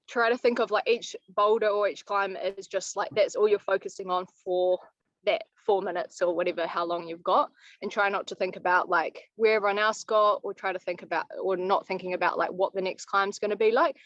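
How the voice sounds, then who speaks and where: A woman's voice: mid-range voice, normal speed, no room sound. Young New woman coaching over video call. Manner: practical, easygoing advice-giving. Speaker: climbing coach. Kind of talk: live online coaching Q&A. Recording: muffled, dry video call audio.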